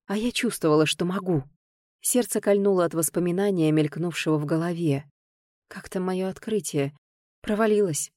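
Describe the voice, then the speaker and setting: A woman reading a first-person audiobook in a lively, expressive way. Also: fairly low pitch, moderate pace, no echo, studio quality. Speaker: audiobook narrator.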